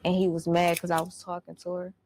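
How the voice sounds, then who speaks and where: A woman's voice: on the low side, monotone, a little fast, a little mellow, a little hiss or hum. A woman telling a personal story in casual, blunt, profane street slang. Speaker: storyteller recounting her experience.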